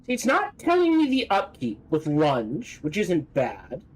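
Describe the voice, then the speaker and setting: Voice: mid-range voice, huge pitch swings, unhurried, breathy edge, poor audio. A game streamer giving casual gameplay commentary, thinking aloud.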